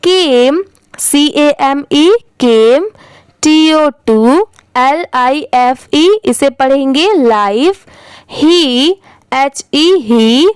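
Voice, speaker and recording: Woman, high voice, dry close recording, spelling words aloud letter by letter. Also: dry recording, poor audio. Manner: spells words letter by letter, then says them slowly. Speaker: English reading teacher. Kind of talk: slow spelling-out reading lesson.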